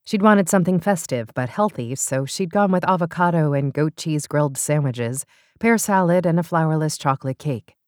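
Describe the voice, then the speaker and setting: A woman narrating an audiobook in an expressive, smooth storytelling manner. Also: low-pitched, moderate pace, no room sound, clean studio sound.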